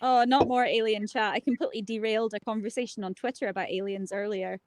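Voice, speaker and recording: A woman's voice: mid-range voice, fairly even intonation, fast, no echo. A woman on a video call, chatting casually in a jokey, laughing way on a livestream panel. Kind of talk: casual chat.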